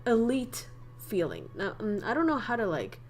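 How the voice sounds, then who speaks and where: A young northern Vietnamese woman with a Vietnamese accent casually livestreams, teaching idioms while faint music plays behind her. Her voice is on the high side, swooping wildly in pitch at a moderate pace, and she's chatty, laughs often and reads the chat aloud.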